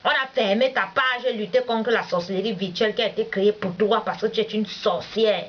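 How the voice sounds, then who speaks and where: A woman's voice: medium pitch, brisk. A woman, scolding a rival in a heated, repetitive monologue. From Cameroon. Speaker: vlogger. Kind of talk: confrontational monologue addressed to a rival. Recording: dull lo-fi recording with faint hiss.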